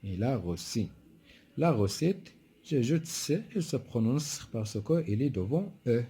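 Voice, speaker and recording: A man teaching a primary school French spelling lesson, reading words slowly and repeating each word and letter with care. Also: medium pitch, expressive, mellow, breathy edge. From Morocco.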